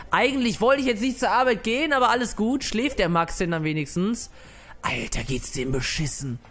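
A man's voice: a little high, fairly bright tone. A man giving casual let's play commentary, brash and mocking, swearing at the game characters.

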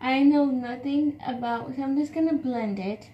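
A young woman, a beauty vlogger, chats casually through a makeup tutorial in a high voice at normal speed, hesitantly repeating herself as she describes each step. She's recording on a phone propped at arm's length in a small room at home. The highs are cut off and there's faint background noise.

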